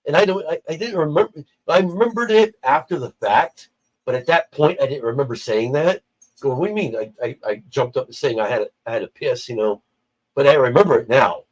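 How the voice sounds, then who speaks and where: Livestream guest, male, husky mid-pitched voice, chatty storyteller who does the voices of people in his anecdotes. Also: fairly quick, rough recording. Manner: animated storyteller acting out quoted people.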